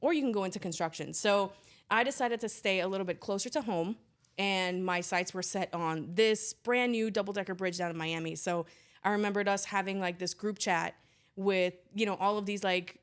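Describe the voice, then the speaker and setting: A woman's voice: mid-range voice, normal speed. A young woman from Trinidad, a geologist guest telling her story in a chatty, filler-heavy way. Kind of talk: casual interview chat.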